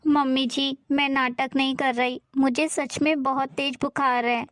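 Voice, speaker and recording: A woman's voice: high-pitched, level tone, a little slow, fairly bright tone. A woman playing a meek, mistreated young daughter-in-law who pleads timidly. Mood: pleading.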